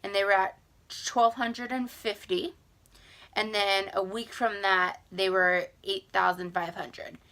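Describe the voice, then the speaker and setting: A woman's voice: medium pitch, steady tone, takes it slowly, pushed and bright. A young woman chatting casually in a vlog, rambling with lots of "like". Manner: chatty, rambling, filler-heavy with many "like"s. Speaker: vlogger. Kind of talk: casual pregnancy update vlog.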